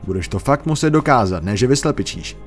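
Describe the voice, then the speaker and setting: A man's voice: medium pitch, animated, soft background music, voice pushed up, close to an everyday voice. Man playing a sly teenage boy, sneering, goading, storybook horror reading.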